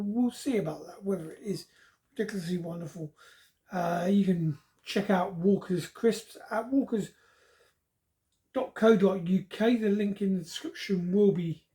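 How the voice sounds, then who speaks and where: Mellow woman reviewing snacks. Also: mid-range voice. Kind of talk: casual food review.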